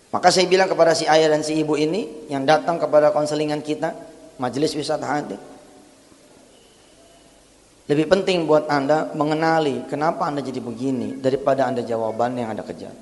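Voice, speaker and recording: A man's voice: fairly high pitch, long reverb tail. A man preaching, mixing chanted verses with casual, slangy storytelling. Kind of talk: sermon with Quranic recitation.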